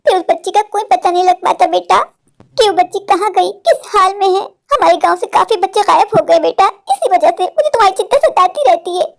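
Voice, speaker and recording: Lady doing a clingy worried cartoon mom, super high voice, keeps saying my darling. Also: brisk, creaky. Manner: doting, insistent, says "meri jaan". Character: anxious, possessive village mother. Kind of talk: Hindi cartoon voice acting.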